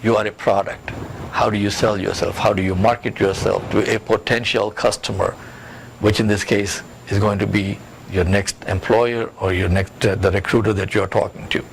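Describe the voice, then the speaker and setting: A man with a fairly low pitch and level tone, speaking at normal speed, gives career advice in an interview as a coach and job search expert. He teaches emphatically and repeats key ideas, and the background is clearly noisy.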